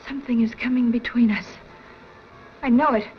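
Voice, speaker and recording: An actress playing an anxious young bride full of foreboding, in 1930s film acting. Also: female voice, a little high, fairly even intonation, moderate pace, lightly acted. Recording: dull old film soundtrack, faint noise.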